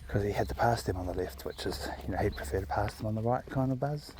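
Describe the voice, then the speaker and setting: A man's voice: fairly low pitch, quick pace. A man with a broad New Zealand accent chats in a casual, easygoing, rambling vlog style, as if out walking with his dog. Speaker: vlog host. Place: outdoors on a walk. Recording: outdoor ambient noise.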